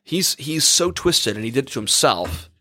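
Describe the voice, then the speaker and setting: This young man, a priest and podcast co-host, has a mid-range, sing-song voice that's sharp and slightly rough, at a normal speed. Losing his voice after a long day, he rambles through casual chat and letter reading, thinking aloud with lots of fillers. The studio sound has no echo.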